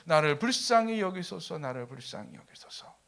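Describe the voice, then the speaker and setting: A man voicing a blind male beggar who cries out loudly and desperately for mercy. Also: fairly high pitch, big pitch swings, normal speed, creaky, heavily acted. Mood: pleading. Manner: loud, desperate pleading.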